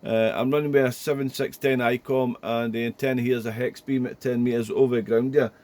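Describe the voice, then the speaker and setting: A man's voice: mid-range voice, little pitch movement, brisk, darkish tone. A man chatting casually as a ham radio operator, rambling and repeating himself. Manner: rambling, repetitive, often ending phrases with "there". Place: small indoor home radio room.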